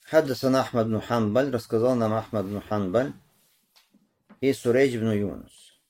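A man giving a religious lesson, reading Arabic phrases and explaining them in Russian, who rises and grows louder when retelling a narration. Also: mid-range voice, normal speed. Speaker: Islamic religious teacher. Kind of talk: religious lesson commenting on hadith and tafsir.

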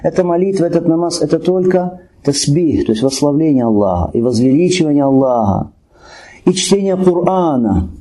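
A man giving a religious lecture who asks his listeners questions and answers them himself, saying Arabic blessings quickly. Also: fairly high pitch, lively intonation, mellow, a little hiss or hum. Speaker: Islamic teacher.

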